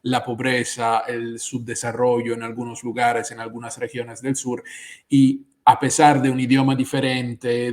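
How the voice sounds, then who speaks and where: A man interviews a guest in Spanish, his plain. He circles his question, repeating little words while he searches for the next one. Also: mid-range voice. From Southern Italy. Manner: searching for words, repeats syllables, grows more animated. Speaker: interviewer, host.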